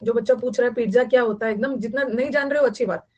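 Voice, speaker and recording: A woman's voice: fairly high pitch, rapid-fire, highs cut off. Chatty woman teaching vocabulary. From Bihar, India. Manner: chatty, repeats key words for note-taking. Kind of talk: online class lecture.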